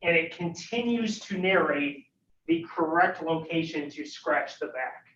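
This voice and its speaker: A man's voice: fairly high pitch, expressive, measured pace, a bit bright, slight background noise. A man narrating as game master of a tabletop game, hesitant and full of fillers. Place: room at a livestreamed faculty game. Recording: roomy, distant, dull recording.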